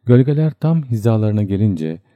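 A man narrating a literary audiobook in a measured, even storytelling manner. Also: fairly low pitch, dry recording, phone-quality sound.

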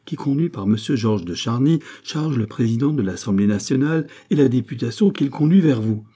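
A man's voice: medium pitch, animated, brisk, warm tone, lightly acted. A man voicing a pale, alarmed doctor. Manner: urgent, alarmed.

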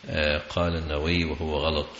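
A man giving a religious lesson, reading a commentary aloud and explaining it in a slow, measured way with long drawn-out pauses. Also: extremely low pitch, flat delivery, fairly bright tone, slight background noise. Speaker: Islamic scholar teaching hadith commentary. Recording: echoey, dull lecture recording.

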